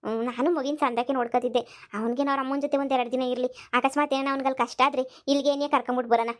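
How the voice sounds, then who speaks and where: High-voiced village mother played by a woman. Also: steady tone, very fast. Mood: caring. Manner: emotional, pleading. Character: village mother, remorseful and tearful. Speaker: cartoon voice artist. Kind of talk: cartoon voice acting.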